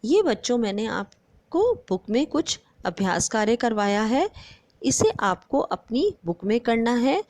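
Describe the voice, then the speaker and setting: A woman teacher talks young pupils through a grammar lesson with a fairly high, very animated voice. She speaks slowly and stretches out each example word, often stopping to put questions to the children. The sound is dry and close. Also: no room sound. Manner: slow and deliberate, stretching out example words; addresses the pupils often and asks them questions. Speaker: primary school teacher.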